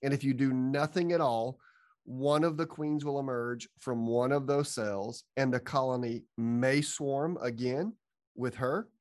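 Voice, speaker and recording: A man co-hosts a podcast and explains things carefully, one step at a time. His delivery is calm and methodical, like someone patiently walking a listener through a process. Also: medium pitch, a little slow. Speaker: podcast co-host and beekeeping expert.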